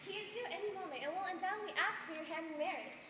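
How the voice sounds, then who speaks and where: A woman plays a gushing, swooning young friend in a comic radio play. Her very high voice sounds set back from the mic in an echoey space with a long reverb. Clear background ambience runs beneath her. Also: very fast, far from the mic, background noise. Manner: gushing, starry-eyed.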